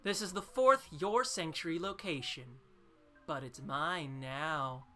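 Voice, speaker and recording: A mushroom monster boss, as a woman puts it on taunts in a slow, drawn-out, mock-intimidating voice. The tone stays bright with faint game music underneath. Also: sits low. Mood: menacing. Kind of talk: reading game dialogue aloud.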